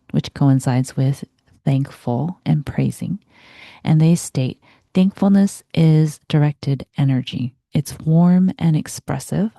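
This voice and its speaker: A woman sharing reflective spiritual self-help thoughts as host, in a soft, breathy voice that often trails toward a whisper. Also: deep voice, no room sound, clean studio sound. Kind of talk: reflective spiritual self-help talk, part reading aloud.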